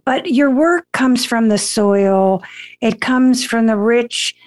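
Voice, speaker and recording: A woman hosting an interview with a fairly high voice. She speaks slowly and with emphasis. She sounds admiring and deliberate as she asks her questions. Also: darkish tone. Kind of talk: broadcast interview.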